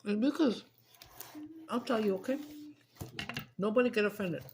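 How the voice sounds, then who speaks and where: A woman's voice: medium pitch, moderate pace, background noise. Chatty woman eating on camera. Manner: loose and chatty, swears, slips into Spanish. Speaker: mukbang streamer. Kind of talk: casual chat while eating.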